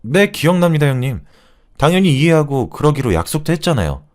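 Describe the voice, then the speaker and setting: A male storyteller voicing a smooth-talking young man who politely defers to his girlfriend's older brother. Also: on the high side, big pitch swings, brisk, voice pushed up. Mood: ingratiating. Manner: deferential and eager to please. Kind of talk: storytelling with acted dialogue.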